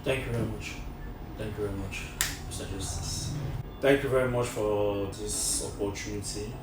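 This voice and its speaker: A man from Cameroon, a French teacher, answering interview questions in a slow, halting way with many fillers. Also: on the low side, steady tone, noisy background. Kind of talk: casual interview. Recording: echoey room from far off with music.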